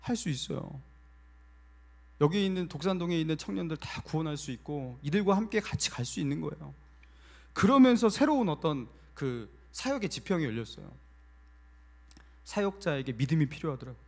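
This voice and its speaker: A middle-aged man, a senior pastor, giving a Sunday sermon, moving from quiet storytelling to loud emphatic preaching and acting out his own past prayers. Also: a little high, expressive, a little fast, creaky.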